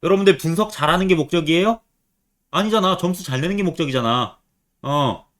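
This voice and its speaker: A man's voice: fairly high pitch, a little fast, fairly bright tone. A man teaching Korean literature in an exam-prep lecture, constantly quizzing his students with rhetorical questions.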